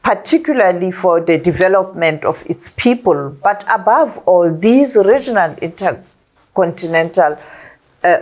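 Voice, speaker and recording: A woman hosting a podcast panel, thanking guests and summing up in a measured way. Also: lowish voice, darkish tone. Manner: brief affirming interjections and measured summing up. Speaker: podcast host and moderator. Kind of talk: moderating a panel discussion.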